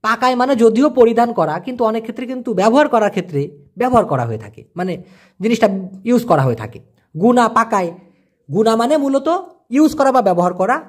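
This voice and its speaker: A man teaching as a language teacher, answering viewer questions and explaining step by step, often checking that listeners follow. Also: sits high.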